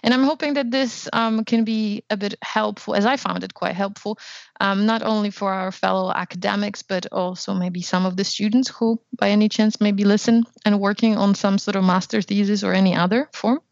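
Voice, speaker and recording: A woman's voice: mid-range voice, fairly even intonation, normal speed, creaky, no room sound. Academic woman on a podcast, keeps asking "right?", dry muffled sound. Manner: thoughtful, hedging with "right?" and "you know". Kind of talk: casual academic discussion.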